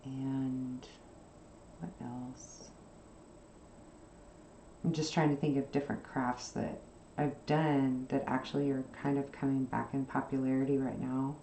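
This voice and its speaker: A soft-spoken woman with a very low, mellow voice chats casually while she sews, wandering between topics at an unhurried pace. She sounds like she is in a roomy space, with a faint hum of noise behind her. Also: level tone. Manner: rambling, soft-spoken, with frequent fillers. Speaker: craft channel host. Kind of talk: casual chat while sewing.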